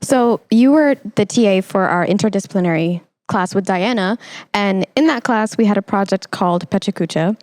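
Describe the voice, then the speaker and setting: A young adult woman hosts a conversational podcast interview, sounding effusive and encouraging. Her medium-pitched voice is a little mellow, at a normal speed, with no echo.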